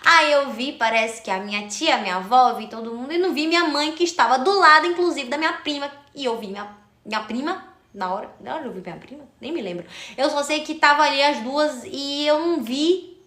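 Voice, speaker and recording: A young woman with a high, bright voice chats on a live stream. She tells her story casually and breaks off to greet viewers by name. The sound has a roomy echo. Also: brisk. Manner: chatty, addresses viewers, thanks commenters by name.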